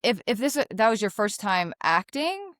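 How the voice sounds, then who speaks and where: A woman's voice: mid-range voice, very animated, moderate pace, fairly bright tone, dry recording, studio quality. A woman host chatting casually in an interview, laughing often and leaning on fillers as she talks. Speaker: interviewer and actress.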